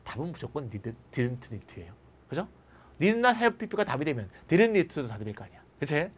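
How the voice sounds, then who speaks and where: Lively high-voiced man teaching grammar. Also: a little slow, breathy edge. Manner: lively, switches between formal and casual speech, often asks students to confirm. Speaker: English grammar lecturer. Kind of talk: recorded classroom lecture.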